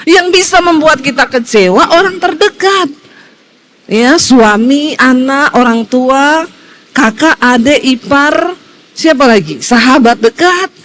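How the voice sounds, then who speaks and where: A woman pastor giving a sermon in a lively storytelling way, swinging between high exclaims and quiet low asides. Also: slow.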